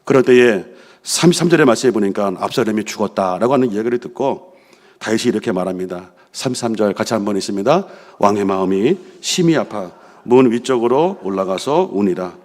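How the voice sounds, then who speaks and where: A man's voice: on the low side, expressive, fairly quick, darkish tone. A middle-aged male pastor preaching a sermon, reading scripture and telling personal stories, often asking the congregation questions. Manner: engages the congregation with frequent questions and affirming "yes"; reads scripture aloud, then expounds with personal stories. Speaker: senior pastor.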